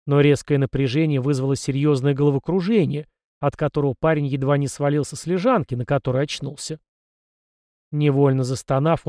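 A man narrating an audiobook in a steady, even storytelling manner. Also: medium pitch, dry recording, studio quality. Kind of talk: scripted narration.

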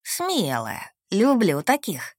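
A woman voicing a short, stocky old male gnome gatekeeper with a creaky voice and a mocking, gruff drawl in an audiobook. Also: mid-range voice, huge pitch swings, slow, no room sound, clean studio sound, heavily acted. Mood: approving. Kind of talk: audiobook character voice.

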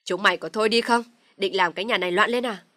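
A woman voicing an older father-in-law who gives loud, commanding orders to his family in an audio story. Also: lowish voice, very fast, dry recording, clean studio sound, close to an everyday voice. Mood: stern commanding.

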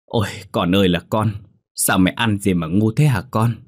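A middle-aged mother scolds in a fast, shrill rush, played by a man in a narrated ghost story. Underneath, the voice stays deep, and the recording is dry and close. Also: dry recording, natural voice. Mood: lamenting.

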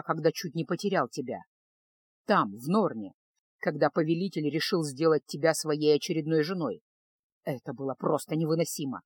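A brooding young male mage from a fantasy audiobook , voiced by a woman reader. The voice is pushed down low and kept soft, halting, close and dry on the mic. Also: slightly rough, no echo.

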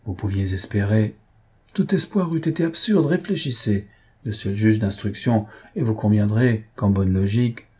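A man voicing a clever, polite teenage schoolboy in an audiobook, speaking softly and courteously. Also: fairly low pitch, expressive, normal speed, slightly rough. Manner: soft-spoken, infinitely polite. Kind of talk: audiobook character reading.

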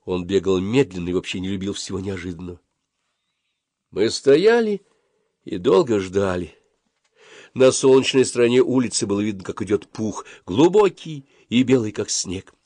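Lively low-voiced male storyteller. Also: no echo. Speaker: narrator. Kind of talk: audiobook reading.

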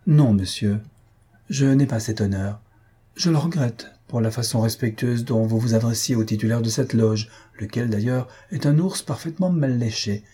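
A man's voice: medium pitch, moderate pace, dark tone, breathy edge, close to an everyday voice. A man voicing a mocking, teasing man in a storybook reading, with ironic, overly grand politeness. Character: mocking, teasing middle-aged man at the lodge.

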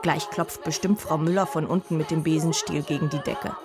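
A woman's voice: sits low, fairly even intonation, a little fast, over music. A woman narrating a children's storybook expressively in a studio.

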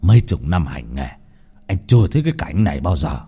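A grizzled old exorcist, voiced by a man, talks in a deep, dark mutter. He is blunt and unhurried, a storybook figure from a horror tale. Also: big pitch swings, slightly rough, exaggerated voice. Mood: gruff.

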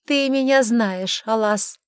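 A woman voicing a sharp-tongued, sarcastic witch in an audiobook, scolding and mocking. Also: fairly high pitch, slow, clear, resonant tone, dry recording, studio quality. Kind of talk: audiobook character reading.

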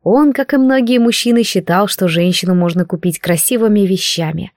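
A woman narrating a first-person audiobook in a wry, expressive way. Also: medium pitch, brisk, no room sound, studio quality.

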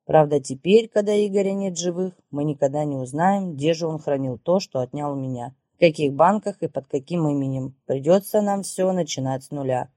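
A woman's voice: sits low, brisk, hardly any pauses, mellow, dry recording, studio quality. A woman voicing an emotional, exclaiming man in an audiobook. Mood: subdued. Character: excited man, a reformed businessman.

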